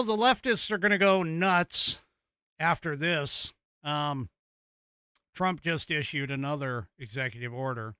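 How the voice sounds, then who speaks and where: Bright-voiced American man doing political commentary. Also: medium pitch, clear, resonant tone, no room sound, clean studio sound. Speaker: host of a political commentary show. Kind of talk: casual political commentary with read-out news.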